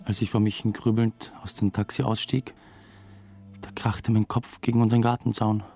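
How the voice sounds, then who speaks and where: An actor voices a brooding, weary man under suspicion who narrates his own story in first person for a radio drama, subdued and sometimes hesitant. His voice is lowish and warm, with vocal fry, a flat delivery and a normal pace. Faint music plays behind him.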